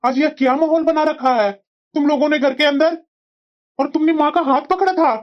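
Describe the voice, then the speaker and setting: A woman's voice: high-pitched, fairly even intonation, moderate pace, close to an everyday voice. A woman voicing an exasperated grown son and husband in a cartoon drama, reproachful and questioning. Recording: dull lo-fi audio.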